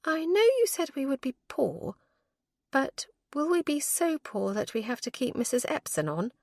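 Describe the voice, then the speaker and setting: A woman voicing a spirited young newlywed gentlewoman, playful and arch in her teasing. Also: high voice, sing-song, no room sound, studio quality, pitched above the performer's own voice. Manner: playful, arch, quick to tease.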